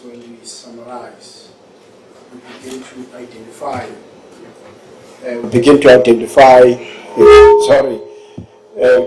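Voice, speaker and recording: A man's voice: mid-range voice, noisy background. A man chairing a formal meeting, unscripted and hesitant, repeating phrases, recorded on an echoey, distant mic. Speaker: committee chair.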